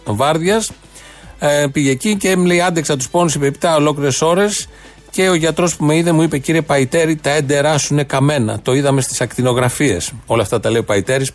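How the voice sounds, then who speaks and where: A man hosting a satirical news show, reading items in a mock-serious, sarcastic way. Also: on the high side.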